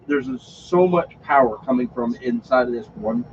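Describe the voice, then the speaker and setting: A man's voice: medium pitch, normal speed. A man running a tabletop game as game master, narrating scenes with dramatic pacing. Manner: lively, dramatic narration with laughter. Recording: dull lo-fi recording with background noise.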